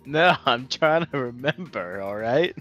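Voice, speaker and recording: A man's voice: mid-range voice, animated, measured pace, fairly bright tone, muffled recording, faint music behind. A man teasing the others as a tabletop game player on a voice call. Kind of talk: casual chat on a voice call.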